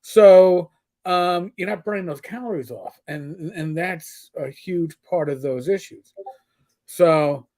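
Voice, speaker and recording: Speaking slowly in a high, darkish voice, this middle-aged New Yorker with a heavy accent co-hosts a podcast livestream in a relaxed, chatty way. His talk wanders, full of restarts and "um"s and "uh"s as he works out his thoughts.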